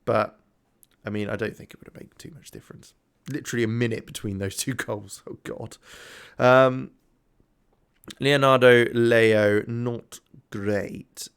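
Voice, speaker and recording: In this casual let's-play, a gaming YouTuber mutters his way through his own game, yawning, tired, and thinking out loud with plenty of ums. He has a mid-range, steady voice, a little slow, with a clear, resonant tone.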